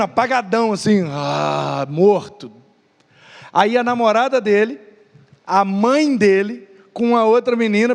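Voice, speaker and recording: High-voiced Brazilian pastor teaching. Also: male voice. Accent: Brazilian Portuguese. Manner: lively, storytelling, rhetorical questions. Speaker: pastor teaching Sunday Bible school. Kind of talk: Bible class teaching. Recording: long hall reverb.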